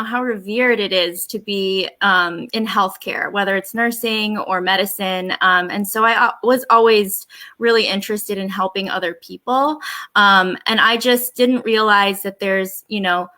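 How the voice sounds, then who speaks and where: A woman in her thirties from the United States answers interview questions with a bright, clear-edged voice at a medium pitch. She speaks in an earnest, reflective way and pauses often as she gathers her thoughts. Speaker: guest, physician and life coach.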